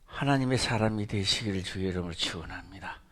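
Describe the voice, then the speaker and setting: A middle-aged male pastor with a Gyeongsang Korean accent preaching a sermon, moving between loud exclamations and low, hushed asides. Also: fast talker.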